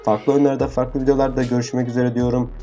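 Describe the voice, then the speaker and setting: A young man giving casual, excitable commentary over his mobile game as a gaming channel host, repeating words in bursts and grumbling to his viewers. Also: mid-range voice, quick pace, muffled recording, soft background music. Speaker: gaming YouTuber. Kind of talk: live gameplay commentary.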